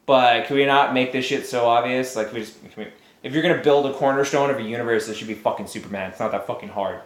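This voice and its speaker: A man's voice: mid-range voice, fast. A man co-hosting a casual chat, ranting heatedly and swearing a lot. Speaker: podcast co-host. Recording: echoey room.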